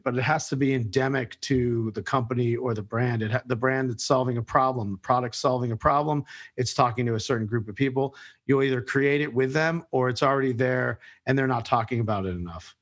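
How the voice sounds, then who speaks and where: A middle-aged man answers interview questions in a mid-range voice, steady and explanatory. He talks like an executive, often pausing on fillers and restarting his sentences. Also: mid-range voice. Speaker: guest, agency chief executive.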